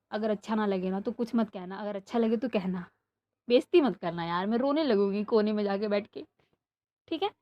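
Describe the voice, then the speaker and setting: Speaking in a medium pitch over lo-fi sound, a young woman chats casually from her bedroom before launching into a story for her channel. She's an animated, rambling storytelling vlogger, and her neighbour's music plays in the background.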